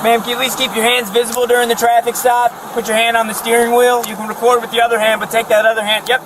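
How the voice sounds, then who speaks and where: High-pitched male police officer on noisy body cam. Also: monotone, quick pace. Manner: patronizing politeness, calling driver "dear". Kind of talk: body cam audio of a traffic stop. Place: outdoors at a roadside.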